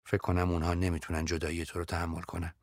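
A man voicing a lonely young woman in love, soft and pleading, in a very deep voice. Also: monotone, no echo, clean studio sound, lightly acted. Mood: wistful.

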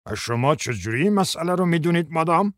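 A man's voice: a little high, lively intonation, a bit bright, dry recording, clean studio sound, voice pushed up. A man voicing an irritable, sarcastic male judge who grumbles his lines in a raised voice. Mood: grumbling.

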